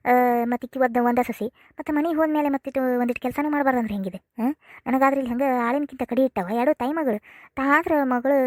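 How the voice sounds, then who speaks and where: A woman's voice: a little high, no echo, studio quality, lightly acted. A woman voicing a fussy, doting middle-aged village mother in a cartoon comedy, with a North Karnataka accent and a chattering, dramatic way of talking. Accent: North Karnataka Kannada. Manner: chattering, dramatic, rhetorical questions.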